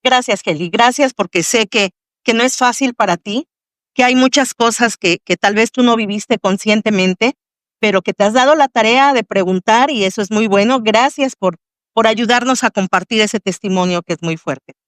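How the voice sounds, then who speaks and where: A woman with a Mexican accent hosts a faith testimony podcast. She speaks in a fairly high voice with a devout, welcoming manner. The sound is dry and close. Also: normal speed, no room sound. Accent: Mexican Spanish. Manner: warm, devout welcoming address to the audience. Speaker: podcast host.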